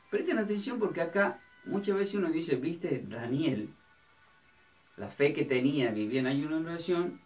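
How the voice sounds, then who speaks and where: A man, a pastor teaching a Bible study sermon, who asks his listeners questions and then answers them himself. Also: fairly high pitch. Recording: distant mic with faint music.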